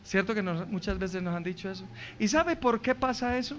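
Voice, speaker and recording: A man preaching a sermon in a strikingly high, bright and ringing voice. He moves from hushed, lowered lines to loud surges and keeps turning to the congregation with rhetorical questions. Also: animated, fairly quick, slight background noise. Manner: dynamic preaching, swings from quiet to loud. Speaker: pastor.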